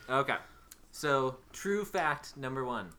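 A man with a middle-pitched voice reads out trivia on a casual podcast. He takes it steadily and deliberately, one fact at a time. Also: expressive, bright, forceful tone. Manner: measured, reads facts aloud deliberately. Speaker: podcast co-host. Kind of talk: casual chat, reading trivia facts.

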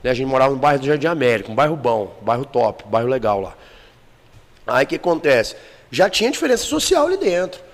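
A man's voice: medium pitch, big pitch swings, fast talker, in a large hall. A man with a Brazilian Portuguese accent in a casual podcast chat, telling a personal story bluntly and emotionally with plenty of swearing. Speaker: guest telling his life story.

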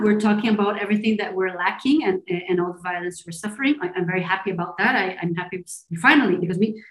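A woman's voice: on the low side, echoey room, poor audio. A young adult woman from Argentina, a filmmaker being interviewed, speaking earnestly in conversational English with frequent restarts.

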